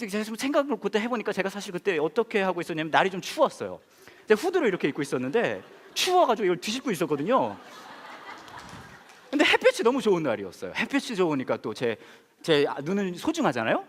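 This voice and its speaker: A man's voice: high-pitched, wildly swooping pitch, fast talker. A man in his thirties, a pastor, telling a funny personal story in a sermon, acting out the other people's voices and laughing often. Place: church hall. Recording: long hall reverb.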